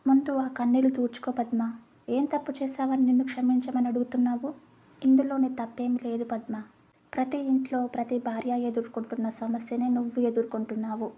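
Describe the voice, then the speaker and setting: A patient husband in a narrated story, as a woman puts him on speaks gently and consoles his wife. The voice is mellow and breathy. It moves little in pitch. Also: little pitch movement, brisk. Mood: gentle. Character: caring middle-aged husband, patient and gentle.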